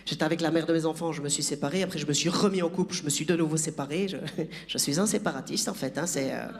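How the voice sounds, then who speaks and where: A man's voice: a little high, fast talker, gravelly. A man doing a chatty, self-mocking stand-up set on a theatre stage, teasing the audience. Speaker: stand-up comedian.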